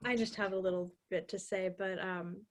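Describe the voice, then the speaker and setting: A female cast member on a video call, soft and hesitant in a casual panel. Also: mid-range voice, steady tone, normal speed.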